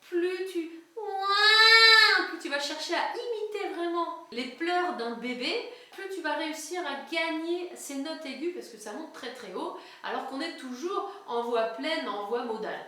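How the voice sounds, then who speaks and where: Bright-voiced woman teaching singing, very echoey. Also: high-pitched, animated, normal speed, few pauses. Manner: explains step by step, addressing the viewer informally, breaking into sung examples. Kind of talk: online singing lesson with sung demonstrations. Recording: very echoey room, faint music.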